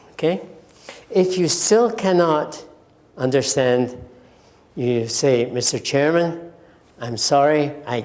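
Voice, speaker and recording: An older man from Scotland with a Scottish accent, giving a deliberate lecture on medical communication and acting out example phrases. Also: a little high, darkish tone.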